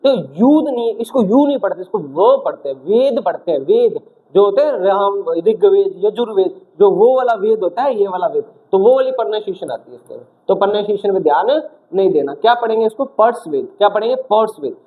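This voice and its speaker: A man's voice: high-pitched, lively intonation, a little fast. A man teaching exam vocabulary in a coaching lesson, asking rhetorical questions and answering them himself, with lots of repetition. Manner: repetitive, asks and answers his own questions. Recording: tinny phone-like sound.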